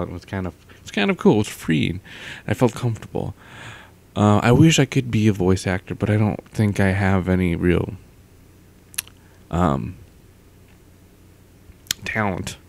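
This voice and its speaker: A young male audio vlogger rambles casually at home, close to a mic with a pop filter, drifting through fillers and trailing thoughts. His voice is fairly low and darkish, with vocal fry.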